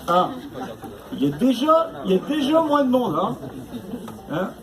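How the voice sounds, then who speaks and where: High-voiced man teasing a live crowd. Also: sing-song, unhurried. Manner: chatty, teasing the audience, constant tag questions. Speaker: stand-up comedian. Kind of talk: live stand-up comedy with crowd work. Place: stage before a live audience. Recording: noisy live room.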